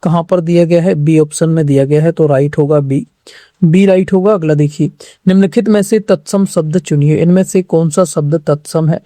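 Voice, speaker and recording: A man teaching an online exam-prep class in a drilling, repetitive way, pressing viewers to answer fast. His voice is dark and mellow yet sits a little high. The sound is close and dry. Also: steady tone, dry recording. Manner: repeats each question and answer as a drill, urging viewers to respond quickly.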